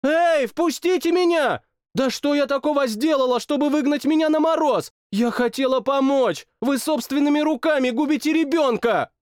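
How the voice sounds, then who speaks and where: A man's voice: very high-pitched, no echo, studio quality, voice pushed up. A man voicing a stubborn young woman who pleads and scolds in an audiobook. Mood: indignant. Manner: pleading, scolding, quick protests. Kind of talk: audiobook narration.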